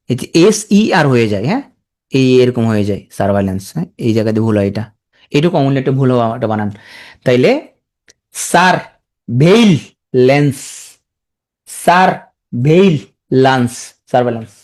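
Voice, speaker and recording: A teacher at a middling pitch gives a spelling lesson to a large class. The voice rises and falls with lively, animated intonation. Words get sounded out slowly and repeated, with joking asides in between.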